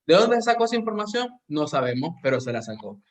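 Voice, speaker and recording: A podcast host with a Central American Spanish accent talks earnestly and reflectively in a casual conversation, frequently restarting his sentences. His voice runs on the high side, sing-song and quick.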